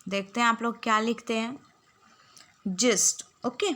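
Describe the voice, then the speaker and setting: A woman's voice: fairly high pitch, steady tone, measured pace, bright, forceful tone. A young woman teacher giving a spelling lesson, dictating words and spelling them out letter by letter. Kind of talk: spelling lesson for exam students.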